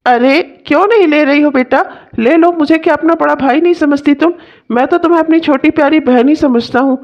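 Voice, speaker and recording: A woman's voice: sits high, a little fast, muffled recording. A woman voicing a generous, protective elder brother-in-law in a cartoon, speaking in a coaxing, affectionate way. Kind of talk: cartoon voice acting.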